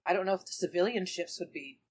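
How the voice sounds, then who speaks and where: Fast and slightly rough, a woman with a fairly low pitch describes events in a tabletop roleplaying game. Her in-character storytelling is casual and chatty, explaining things as she goes.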